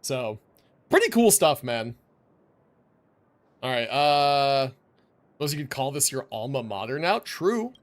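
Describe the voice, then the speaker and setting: A very animated man with a medium-pitched voice hosts a gaming livestream at a measured pace, leaving long pauses. Through his streaming mic, he chats casually and ramblingly, using slang and some swearing.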